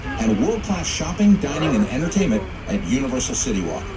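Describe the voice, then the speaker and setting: A man giving formal recorded safety and welcome announcements through an outdoor loudspeaker on a shuttle tram. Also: medium pitch, sing-song, music in the background. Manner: formal, measured announcer delivery. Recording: distant loudspeaker over loud traffic noise.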